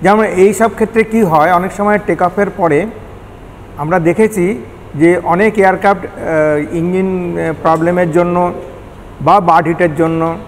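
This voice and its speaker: His voice is high-pitched and steady, a little slow, as this older former air traffic control manager from the Kolkata Bengali background answers news interview questions as an expert guest. He breaks explanations into steps, uses English technical terms, and the echoey hall adds background noise.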